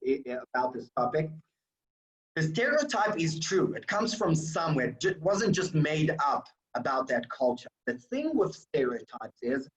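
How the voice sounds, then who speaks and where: Man giving an echoey online training. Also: fairly high pitch. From South Africa. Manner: explanatory, with fillers and restarts. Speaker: workplace culture trainer.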